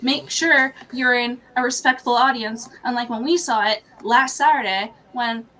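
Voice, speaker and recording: A woman co-hosting a live stream in casual chat, telling stories in an animated, profane rant and laughing often. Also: fairly high pitch, moderate pace, low-quality recording.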